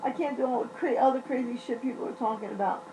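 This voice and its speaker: A woman's voice: on the high side, quick pace, noisy background. A woman vlogging casually while in pain and on medication, blunt and profane, rambling and restarting often. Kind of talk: casual vlog monologue.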